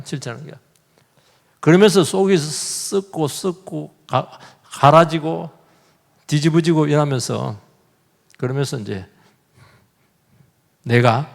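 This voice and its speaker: A man's voice: fairly high pitch, creaky. A middle-aged male pastor delivering a sermon in a conversational way, asking rhetorical questions and acting out everyday quotes. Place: church sanctuary. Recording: long reverb of a church hall.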